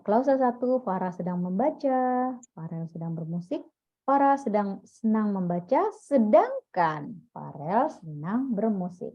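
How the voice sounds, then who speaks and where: A woman teacher walks through a lesson at a middle pitch, pausing to put questions to her listeners before answering them herself. The sound is dull and lo-fi, with the top end missing. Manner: explains step by step, quizzing listeners. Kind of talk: classroom lecture.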